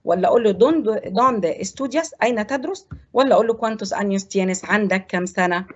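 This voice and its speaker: Husky Egyptian woman teaching Spanish. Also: medium pitch, lo-fi sound. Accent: Egyptian Arabic. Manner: explains step by step, repeats words slowly for pronunciation. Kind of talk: televised classroom lesson.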